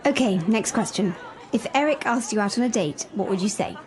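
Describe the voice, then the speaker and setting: A woman's voice: mid-range voice, animated, brisk, a faint crowd, close to an everyday voice. A woman playing a chatty teenage schoolgirl in a scripted practice dialogue.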